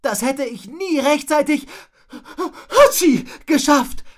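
A woman's voice: medium pitch, steady tone, measured pace, mellow, pitched above the performer's own voice, close to an everyday voice. A woman voicing a sniffly young boy sidekick who sneezes mid-sentence in a storybook reading. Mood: fretful.

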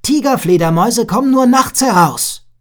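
A woman voicing a young male bird who is eager to prove his courage, in a high boyish voice. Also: animated, moderate pace, lightly acted.

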